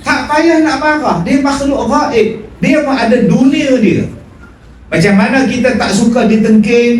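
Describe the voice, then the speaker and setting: Man, sermon, animated storytelling, distant phone recording, hall echo, room noise. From Malaysia. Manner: animated storytelling, acting out dialogue with sharp pitch swings. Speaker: preacher. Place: prayer hall. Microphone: phone recording from the audience.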